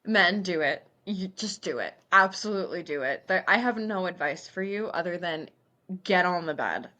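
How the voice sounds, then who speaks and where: A woman's voice: lowish voice, moderate pace. A woman co-hosting a podcast who works as a waxer, chatting casually and telling stories candidly between frequent giggles. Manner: giggly, candid, animated storytelling. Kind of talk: casual chat.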